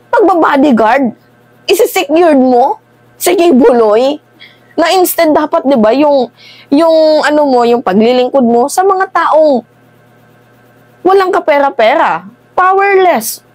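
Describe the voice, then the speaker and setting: A woman talks through politics in a casual, animated way, keeping up a running back-and-forth with her viewers. Her voice sits a little high for a woman. It is recorded close and dry, with no room sound. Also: takes it slowly, long pauses, no room sound. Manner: conversational, animated, keeps asking "di ba?" and addressing "guys". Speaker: political commentator.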